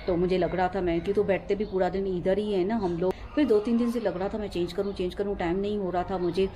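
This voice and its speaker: A young woman whose first language is Sindhi, chatting at home in a rambling daily vlog, repeating herself, her voice weak and low after being unwell. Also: fairly even intonation, fast talker, mellow, slight background noise. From India. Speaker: home vlogger. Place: home, indoors.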